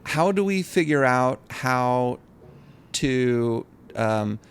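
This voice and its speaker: A man's voice: mid-range voice, lively intonation, very slow, smooth. A man hosting a podcast, introducing his guest and musing in a loose, rambling way with many restarts. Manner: reflective, rambling, restarts phrases. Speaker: podcast host. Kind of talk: casual podcast interview.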